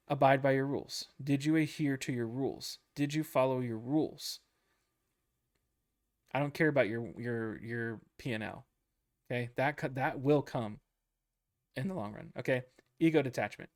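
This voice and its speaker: A man casually coaching traders through a book chapter, repeating points and checking in with "okay?" and a goofy, self-deprecating streak. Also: medium pitch. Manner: chatty, repeats himself, lots of "okay?" and "right?". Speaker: trading coach.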